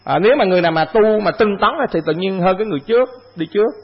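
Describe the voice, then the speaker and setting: A man's voice: high voice, racing, slightly rough, muffled recording. A man, a Buddhist monk, giving a conversational dharma talk to an assembly, asking himself questions and repeating phrases.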